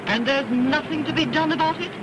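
An actress playing a frank, perceptive friend in early talkie film style, on a noisy vintage soundtrack. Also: female voice, high-pitched, a little fast, lightly acted. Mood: frank, exasperated. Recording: old film soundtrack with heavy noise.

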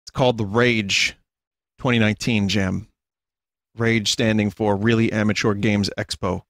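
A man's voice: on the low side, flat delivery, unhurried, fairly bright tone, dry recording, clean studio sound. A man doing casual, joking commentary on games as a streamer, amused and sweary. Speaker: game streamer. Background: game music.

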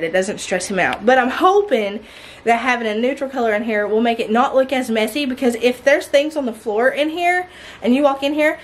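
A woman's voice: fairly high pitch, a little hiss or hum. A woman, chatting casually and rambling a bit as she tours her son's bedroom, filmed on a handheld camera. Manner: chatty, rambling with fillers and restarts. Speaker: vlogger, stay-at-home mom. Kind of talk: casual clean-with-me tour. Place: child's small red bedroom in a mobile home. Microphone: handheld camera at arm's length.

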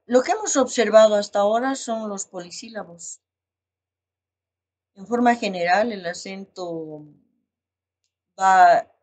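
A woman teacher talks through a lesson at an unhurried, measured pace. She spells things out deliberately, pausing on fillers and reading out lists of example words one by one. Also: medium pitch, darkish tone. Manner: slow, deliberate explanation with fillers and careful word lists. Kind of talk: recorded online language lesson.

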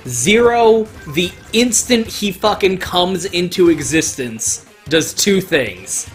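A gaming video host plays and commentates in a casual, emphatic let's play, cursing freely and cracking jokes throughout. The voice is medium-pitched with lively intonation and a slow pace. Video game music runs under the speech.

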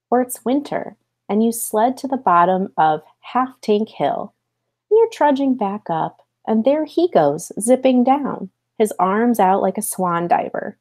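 Teaching a read-aloud lesson indoors in a small home office, an American elementary school teacher in her thirties explains material and asks check-in questions. She speaks in a mid-range voice with a dark tone.

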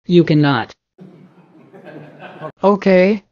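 An older bowling coach lectures in a classroom with a projector screen, speaking emphatically and answering his own questions. His voice is high-pitched with a darkish tone, and he draws out his words. The recording is dry and dull.

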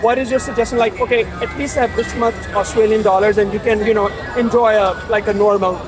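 A man with a high, bright voice who rattles off questions at a rapid clip. He runs a casual street interview, chatty and full of fillers. He holds a handheld mic out to people on a busy city street at night. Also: fairly even intonation, over music, a crowd in the background, low-quality recording. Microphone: handheld mic held out to guests.

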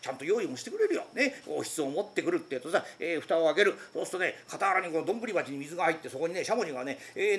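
A cheeky, idle young master, put on by a rakugo storyteller who gossips and complains with quick, playful comic timing. His voice jumps up and down in pitch, and he rattles his lines off at speed. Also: fairly bright tone. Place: former public bathhouse used as an event venue.

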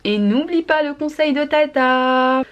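Young woman vlogging a storytime, slangy and animated, highish voice. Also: a little slow, muffled recording. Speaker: YouTuber. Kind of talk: casual storytime vlog.

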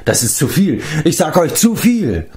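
A man's voice: medium pitch, animated, moderate pace, darkish tone, slight background noise, voice pushed up, natural voice. Man putting on a whiny wailing giant. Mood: self-pitying. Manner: plaintive, wailing complaints. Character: whiny self-pitying male giant. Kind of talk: audiobook character reading.

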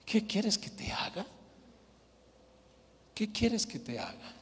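A preacher voicing a gentle spiritual teacher. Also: male voice, wildly swooping pitch, slow, husky, full character voice. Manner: soft, lower and gentle. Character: calm, kind male spiritual teacher. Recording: reverberant church hall.

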